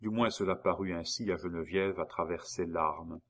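Low voice guy reading a novel out loud, calm and hushed. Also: moderate pace. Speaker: audiobook narrator. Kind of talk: scripted narration of a novel.

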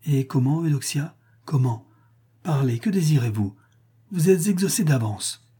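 A gentle, fretful emperor who begs and sighs, his voice lifted and soft, as a male reader acts him out. The tone stays mellow and slightly husky. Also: on the high side, animated, measured pace, pitched above the performer's own voice, heavily acted. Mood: anxious. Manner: soft, sighing, beseeching. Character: weak anxious emperor, gentle and pleading.

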